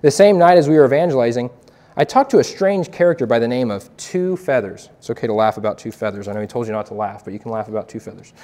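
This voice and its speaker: A man's voice: medium pitch, fast talker, warm tone. A young man and evangelist giving an earnest, preacherly testimony to a youth group, quoting scripture as he speaks.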